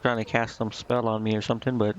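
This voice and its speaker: A game streamer gives casual live commentary over game music, muttering and thinking aloud with hesitation. His voice is fairly low and level, he talks fast, and the recording has the highs cut off.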